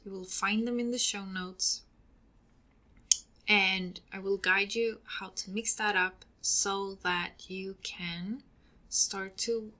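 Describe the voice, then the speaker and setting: On her solo podcast, a host from Sweden gives heartfelt advice in a Swedish accent, frequently letting phrases fade into breathiness. She speaks in a mid-range voice that comes across bright and forceful.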